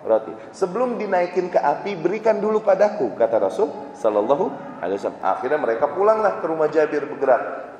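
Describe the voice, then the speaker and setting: A man preaching in a large mosque, telling stories animatedly, mixing in Arabic phrases, and acting out the voices of the people in them. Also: medium pitch. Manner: animated storytelling, acts out quoted voices, mixes in Arabic phrases. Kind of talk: mosque lecture. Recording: echoey mosque hall recording with faint background noise.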